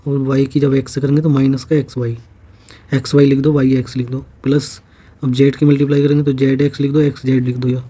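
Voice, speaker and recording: A math teacher with a husky, dark, mid-range voice and a Hindi-speaking North Indian accent explains exam problems step by step. Throughout this exam-prep lesson he patiently checks in with his students.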